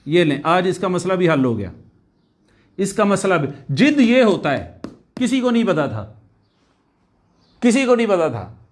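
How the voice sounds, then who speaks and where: A man gives a recorded language lecture. He keeps going back over key words, stretching them out slowly so students can drill them. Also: sits high, very animated. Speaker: Arabic language teacher.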